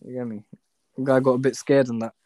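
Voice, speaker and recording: A man's voice: mid-range voice, flat delivery, a little fast, dark tone, no echo. Young London roadman, dry close sound. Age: young adult. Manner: slangy street talk with frequent tag questions. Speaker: podcast guest. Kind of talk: casual chat, telling personal stories.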